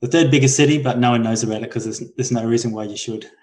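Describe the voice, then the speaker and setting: A man's voice: medium pitch, steady tone, very fast, darkish tone, slight background noise. A man in his forties with a Queensland Australian accent, chatting as an interview guest in a hesitant way, often circling back to rephrase himself. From Brisbane, Australia. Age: 40s. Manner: hesitant, frequent self-corrections and trailing thoughts. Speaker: podcast guest. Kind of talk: casual conversational interview.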